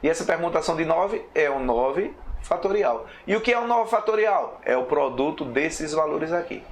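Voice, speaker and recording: A man with a slightly high voice teaches a recorded math lesson. He explains step by step, counts slowly and keeps checking that his students follow. Faint background noise sits under his voice. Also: lively intonation.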